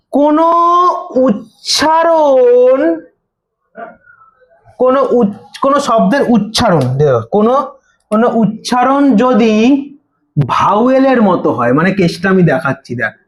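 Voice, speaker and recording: In an echoey room, a woman with a high voice tutors a grammar lesson casually. She keeps posing her own questions and answering them, repeating the key answers.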